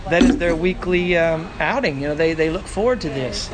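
Male country entertainer, Arkansas hillbilly drawl, halting interview talk, a touch high-voiced, clear traffic noise behind. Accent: Arkansas hillbilly, Southern US. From Arkansas, United States. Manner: halting, repeats words mid-sentence. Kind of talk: casual interview chat. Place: bar, on location with street noise. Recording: noisy outdoor bar, traffic behind.

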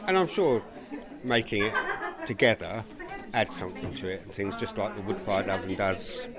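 Cheerful deep-voiced man. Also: normal speed, a loud crowd. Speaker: workshop participant. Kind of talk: casual chat.

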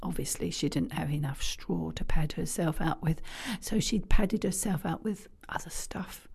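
A woman telling stories for children, in a hushed, whispery and animated way. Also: deep voice, normal speed, creaky, breathy edge. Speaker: storyteller.

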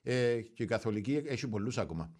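A man hosting a morning radio show, rambling and halting as he reads out a list of saints' days. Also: medium pitch, animated, darkish tone. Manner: rambling, hesitant, halting over names. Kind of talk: casual radio chat.

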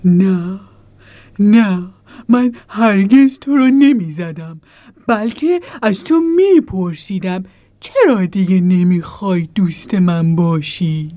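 A woman's voice: medium pitch, lively intonation, warm tone, dry recording, close to an everyday voice. A woman voicing an earnest, playful bear in a children's audio story. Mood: gentle.

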